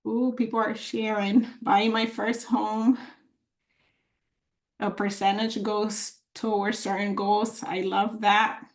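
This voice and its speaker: A woman's voice: mid-range voice, level tone, slow. A woman from the Dominican Republic, a financial coach presenting an online workshop in an encouraging way, with many fillers and restarts. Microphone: computer mic on a video call.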